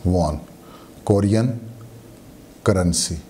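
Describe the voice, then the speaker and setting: A man's voice: sits low, very slow, mellow, slight background noise. A man with a Pakistani Urdu accent teaching a beginner language lesson, repeating each word and its meaning.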